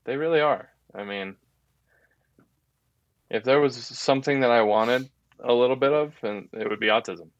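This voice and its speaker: A man's voice: medium pitch, moderate pace, long pauses, lo-fi sound. A young man co-hosting a podcast in casual chat, teasing and blunt with his friend. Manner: teasing, blunt, laughs easily. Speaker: podcast co-host.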